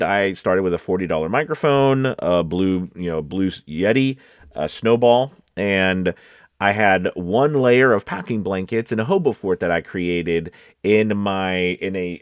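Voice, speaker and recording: In a laid-back tutorial spoken to camera, a voice-over coach chats with his audience and checks in with them often. He has a fairly low voice, recorded close and dry in a home studio with no room sound.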